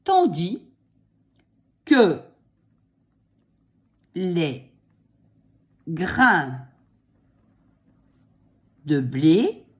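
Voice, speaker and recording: A woman teacher dictating a text word by word, drawing out phrases deliberately, speaking punctuation aloud and explaining spelling in a didactic way. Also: lowish voice, wildly swooping pitch. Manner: didactic, posing questions and answering them herself.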